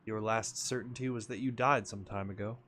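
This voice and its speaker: A man reading a game's story text aloud as a narrator, in a measured, dramatic storytelling manner. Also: on the low side, fairly even intonation, sharp tone, a little hiss or hum. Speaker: video game player and narrator.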